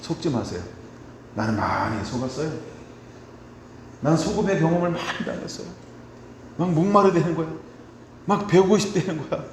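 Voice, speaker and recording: Korean pastor preaching in an echoey hall. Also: male voice, on the high side, lively intonation, moderate pace, vocal fry, long pauses. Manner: conversational preaching, frequent rhetorical "right?" checks; swings from soft confiding asides to loud emphatic declarations. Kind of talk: sermon. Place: church sanctuary. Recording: echoey church hall with faint background noise.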